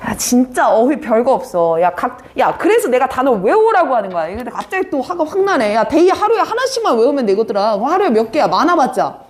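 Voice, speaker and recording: A woman teaching an English vocabulary class, brisk and teasing, quizzing students by name. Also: sits high, big pitch swings, a little mellow. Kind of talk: live online vocabulary class.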